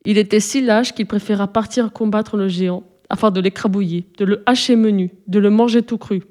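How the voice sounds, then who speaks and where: A woman's voice: medium pitch, fairly even intonation, a little fast, a little mellow, lightly acted. A woman voicing a timid but wry young boy who tells a story, in a storybook reading.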